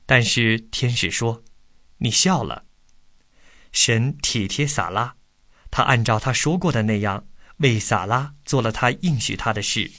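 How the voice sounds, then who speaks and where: Man calmly reading a Bible story. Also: medium pitch, moderate pace, no room sound, studio quality. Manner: calm, even storytelling with study questions.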